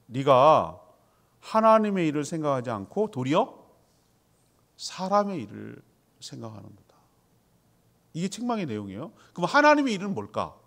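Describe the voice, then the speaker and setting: A man's voice: mid-range voice, creaky. A man preaching a sermon in a conversational way, asking the congregation questions and answering them himself. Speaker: pastor.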